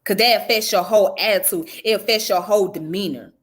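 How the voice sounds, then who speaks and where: A woman's voice: medium pitch, fast talker. Blunt profane woman vlogger. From US South. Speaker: channel host. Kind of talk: casual commentary vlog.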